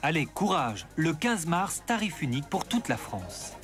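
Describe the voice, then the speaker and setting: A man reading scripted documentary narration in a measured, explanatory way. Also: fairly high pitch, sing-song. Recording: voice-over with music bed.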